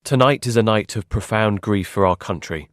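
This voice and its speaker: Man, live interpreter voice, very deep, dry close sound, measured and solemn. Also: dry recording. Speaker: simultaneous interpreter. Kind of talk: live interpretation of a formal speech.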